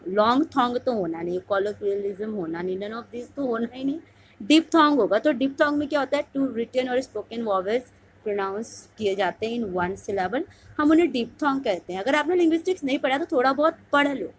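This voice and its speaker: Woman, exam-prep teacher, slightly high voice, slow deliberate reading of questions, then quicker coaxing explanation. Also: expressive, slight background noise. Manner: reads English questions slowly, then explains in quick bursts; coaxing, repeats "ठीक है" often. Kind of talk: Hindi-English mixed lesson.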